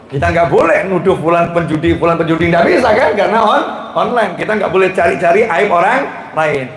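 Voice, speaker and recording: A man preaching a lively sermon to a live audience, joking and often rising into laughing shouts. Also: high voice, fairly quick. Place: gathering hall with an audience. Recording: roomy hall echo, faint background noise.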